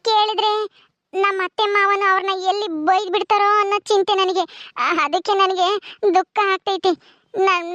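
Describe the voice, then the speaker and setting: A woman's voice: very high-pitched, fairly bright tone, no room sound, dull audio. A woman voicing a worried, tearful young village wife who pleads anxiously in a village drama. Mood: distressed.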